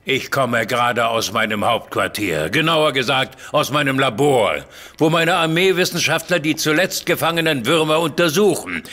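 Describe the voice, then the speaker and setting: An actor playing a blustering, suspicious army general who accuses others loudly, in a radio play. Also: male voice, mid-range voice, expressive, normal speed.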